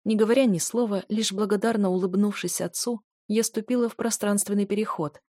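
A woman's voice: mid-range voice, steady tone, a little fast, warm tone, dry recording. A woman narrates an audiobook, telling the story expressively. Her voice sits close to the mic and sounds dry, with no room around it.

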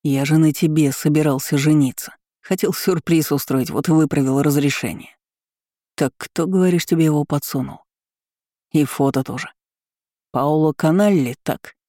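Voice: normal speed, mellow, no echo, clean studio sound, close to an everyday voice. A reader voicing a hot-tempered male gangster in an audiobook, growling and icy. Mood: icy menace. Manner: low growl, icy and clipped. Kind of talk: audiobook character voice.

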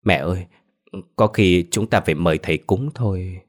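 A frightened young mother from a spoken horror tale, begging desperately through her tears. Her voice rides a little higher and louder than the storyteller's deep register, as a man puts her on. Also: moderate pace, close to an everyday voice. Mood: frightened pleading. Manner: desperate, sobbing pleas.

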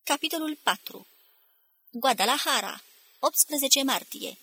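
A woman's voice: sits high, lively intonation, pushed and bright, no echo. A woman reading a literary novel aloud as an audiobook narrator, with an intense, dramatic delivery.

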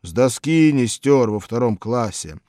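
A man's voice: mid-range voice, lively intonation, measured pace, mellow, no room sound, clean studio sound, close to an everyday voice. A man voicing a panting, cheeky young male school janitor on the run. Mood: breathless. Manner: breathless, blurting.

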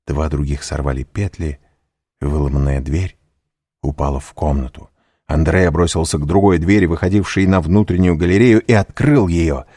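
A man narrating a novel aloud in a measured, dramatic reading. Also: low voice, warm tone, dry recording, studio quality. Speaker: audiobook narrator. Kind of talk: scripted narration.

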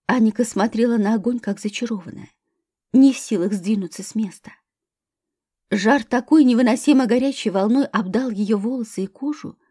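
A woman narrating a thriller audiobook with a tense, measured reading. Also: fairly high pitch, mellow, breathy edge, dry recording, clean studio sound.

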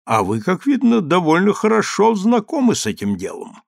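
A man's voice: high-pitched, huge pitch swings, normal speed, vocal fry, no echo, pitched above the performer's own voice, heavily acted. A man doing a wry, mocking old colonel. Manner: dry, mocking. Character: wry older male colonel.

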